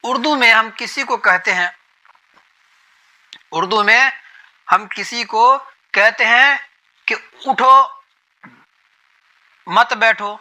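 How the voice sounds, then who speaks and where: The recording is poor, and a man with a high, bright, forceful voice leaves long pauses while teaching how to read the Quran. He goes over every point twice and poses questions only to answer them himself.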